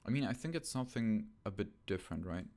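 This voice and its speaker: A man co-hosting a casual podcast about a tabletop game, thinking aloud and hesitating with many ums, on rough home audio. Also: on the low side, animated, quick pace, a little mellow. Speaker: podcast co-host.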